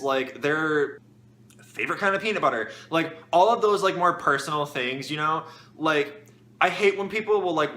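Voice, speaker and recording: Animated ranting young man, bright voice. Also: fairly high pitch, reverberant, a little hiss or hum. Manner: animated, ranting, lots of fillers. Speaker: vlogger. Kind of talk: ranting vlog.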